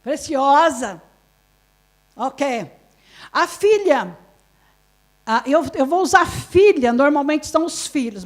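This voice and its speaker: A Brazilian-accented woman preaching at a women's conference, her voice sitting high. She keeps the audience involved with questions and frequent light laughter. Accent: Brazilian Portuguese. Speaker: pastor. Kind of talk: interactive sermon at a women's conference. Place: live conference hall.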